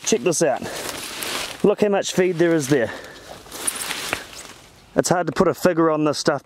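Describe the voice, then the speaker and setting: An eager man talks as he wanders through a field outside, his voice a bit on the high side. He is recorded on a handheld camera, with faint outdoor noise behind him. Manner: enthusiastic, chatty, exclaiming. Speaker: farm advisor. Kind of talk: walking field talk. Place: outdoors in a tall crop field.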